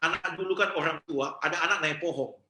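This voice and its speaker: A man giving a seminar talk, telling lively stories and slipping into character voices. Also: a little high, fast, slight background noise. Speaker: youth seminar speaker, pastor. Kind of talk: seminar talk with acted anecdotes. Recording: roomy echo.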